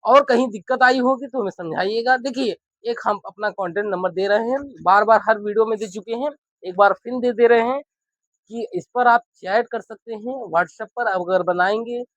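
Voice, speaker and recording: A male teacher giving an exam-prep lecture, insistent and emphatic, who keeps asking students whether it is clear and repeats his points. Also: high-pitched, moderate pace, a bit bright, no room sound, dull audio.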